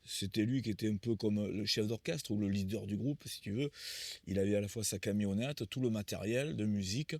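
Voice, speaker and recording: Low-voiced older man telling stories. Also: brisk, darkish tone, no echo. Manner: rambling anecdotal telling with many restarts. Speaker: musician guest. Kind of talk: conversational storytelling interview.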